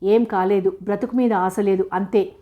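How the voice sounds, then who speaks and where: A woman's voice: mid-range voice, fairly even intonation, moderate pace, lo-fi sound, natural voice. A woman voicing a feverish, jealous young woman who speaks reproachfully. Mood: bitter. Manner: reproachful, accusing.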